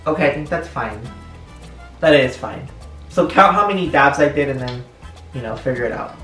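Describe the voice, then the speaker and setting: A man's voice: medium pitch, lively intonation, normal speed, fairly bright tone. A young man chatting casually and joking through a home cooking vlog in his kitchen. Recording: echoey kitchen, distant mic, faint music.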